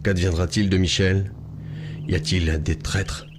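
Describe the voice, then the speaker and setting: A man's voice: low-pitched, little pitch movement, a little slow, very noisy. A man playing a grave cliffhanger narrator, reading scripted narration for an audio serial. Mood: ominous.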